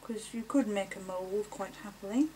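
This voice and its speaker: A woman's voice: medium pitch, warm tone, a little hiss or hum. Woman with a slight lisp, rambling tutorial. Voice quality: slight lisp from wearing false teeth. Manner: rambling, unhurried, many fillers. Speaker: cosplay tutorial maker. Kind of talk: casual how-to talk.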